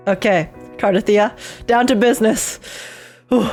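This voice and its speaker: A woman plays a video game and offers casual, slang-heavy, gushing commentary as things happen, over the game's music. Her voice is medium-pitched with a darkish tone, and her pace is measured.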